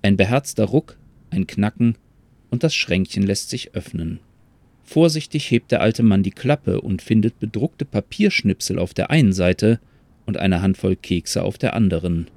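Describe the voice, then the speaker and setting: A man telling a scripted story in a calm, measured way. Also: on the low side, dry recording. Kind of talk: scripted story narration with character voices.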